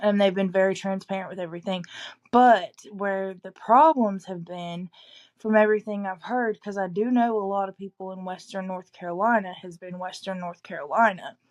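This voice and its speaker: A woman's voice: mid-range voice, normal speed, highs cut off. A woman with an East Tennessee accent, chatting casually as a local resident giving news, often backtracking and qualifying what she says.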